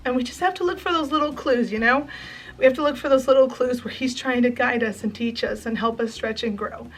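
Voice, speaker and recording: In a fairly high voice and at a fairly quick pace, a woman in her forties gives heartfelt thanks to her viewers. The home and craft vlogger sounds emotional and on the verge of tears.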